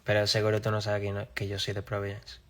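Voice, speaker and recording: A young man from Rhode Island, a singer, chatting casually on a live stream and reading viewers' questions aloud before answering them in a relaxed, offhand way. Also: lowish voice, very fast. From Rhode Island, USA.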